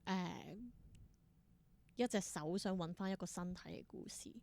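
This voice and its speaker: Fairly low and gravelly, a bit mellow, her voice stays steady and unhurried. She's an interview guest and independent theatre performer with a Hong Kong Cantonese accent, telling stories casually and reflecting aloud in short bursts.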